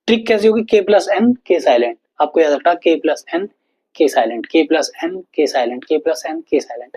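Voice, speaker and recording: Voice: mid-range voice, a little mellow, slightly rough, highs cut off. A teacher giving an online exam-prep lesson in Hindi, patiently explaining rules and repeating mnemonics several times while checking in with the listener.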